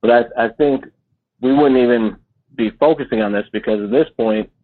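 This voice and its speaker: A man from Detroit calling in on speakerphone to a radio show, talking haltingly with many fillers and restarts. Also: mid-range voice, no room sound. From Detroit, United States. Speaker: caller. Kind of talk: call-in radio chat. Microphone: phone on speakerphone. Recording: tinny phone line on speakerphone.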